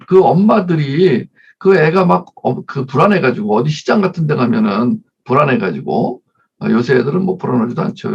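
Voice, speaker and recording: Gravelly male pastor, lively sermon. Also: mid-range voice, muffled recording. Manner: acts out mother and child voices, leads congregation reading. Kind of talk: conversational sermon with Bible readings.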